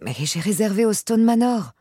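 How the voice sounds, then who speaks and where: A woman voicing a young engaged woman, passionate and easily hurt, in a husky voice raised above her narration. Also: on the low side, animated, normal speed, darkish tone, dry recording, clean studio sound, voice pushed up, exaggerated voice.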